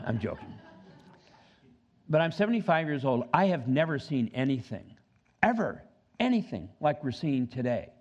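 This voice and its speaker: Old guy pastor in his 70s preaching in church, gets loud and high on the big points, dull muffled recording. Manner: animated preaching, rises in pitch for emphasis, joking asides. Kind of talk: sermon.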